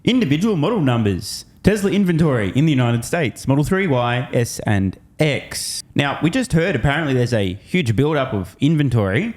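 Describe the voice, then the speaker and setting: A man's voice: mid-range voice, big pitch swings, moderate pace, a little mellow. A man giving informal reaction commentary as a host, sarcastic and scornful, swearing freely and asking mocking rhetorical questions.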